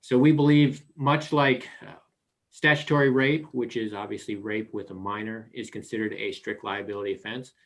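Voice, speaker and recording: An American man with a lowish voice argues as a lawyer. His delivery is formal and deliberate, explaining each point step by step. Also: fairly even intonation. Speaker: defense appellate attorney. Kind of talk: formal oral legal argument.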